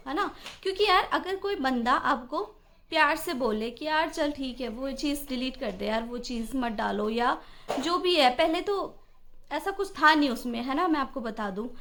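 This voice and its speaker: A woman's voice: high voice, a bit bright. A young adult woman vlogging about a family dispute, upset and indignant, talking in long rambling runs full of fillers. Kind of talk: emotional personal vlog rant.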